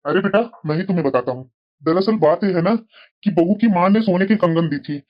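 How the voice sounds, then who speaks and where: A voice actor playing a fair-minded older father-in-law in a cartoon drama, calm and firm. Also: mid-range voice, a little fast, lightly acted. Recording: dull lo-fi audio.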